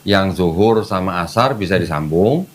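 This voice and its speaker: Indoors in an air-conditioned room, an Islamic teacher guides a convert through religious practice in casual conversation, going step by step and repeating key terms. His voice sits low and is expressive, at a moderate pace.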